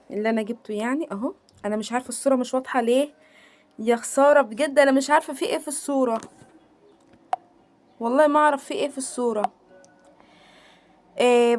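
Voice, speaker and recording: A young woman with an Egyptian accent, chatting excitedly in a casual unboxing vlog, gushing and rambling, filmed on a handheld phone. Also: fairly high pitch. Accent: Egyptian Arabic. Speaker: vlogger. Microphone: phone held in hand.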